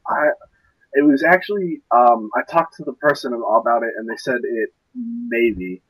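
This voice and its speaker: A man's voice: mid-range voice, very animated, unhurried, a bit bright, husky, no echo, low-quality recording. A young man co-hosting a casual gaming podcast, rambling and searching for words with frequent fillers. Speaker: podcast co-host.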